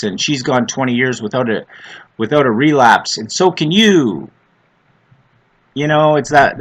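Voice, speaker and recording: A middle-aged man with a smoker's rasp giving an opinionated, off-the-cuff monologue, blunt and emphatic, repeating phrases to drive them home. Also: medium pitch, a bit bright. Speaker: vlogger on adoptee issues.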